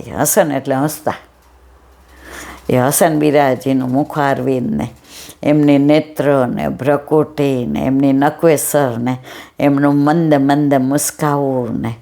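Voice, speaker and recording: Low, mellow older woman telling stories. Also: vocal fry. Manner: anecdotal, reenacts dialogue. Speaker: satsang speaker. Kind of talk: devotional storytelling talk.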